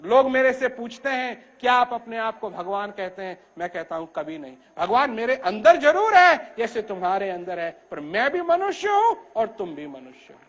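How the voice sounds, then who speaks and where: A very high-pitched older man gives a spiritual discourse. He speaks loudly and emphatically, as if straight from the heart. His voice keeps rising and falling from phrase to phrase. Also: very animated, moderate pace, hardly any pauses. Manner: rises and falls in pitch and loudness. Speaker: spiritual teacher.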